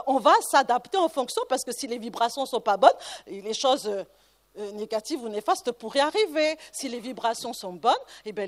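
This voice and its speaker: A woman researcher giving a conference talk, telling a personal anecdote with digressive asides and frequent restarts. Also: fairly high pitch.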